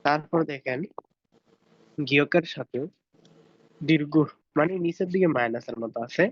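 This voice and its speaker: A man's voice: fairly high pitch, normal speed, dry recording, lo-fi sound. A man teaching a language lesson, patiently drilling pronunciation over slides. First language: Bengali.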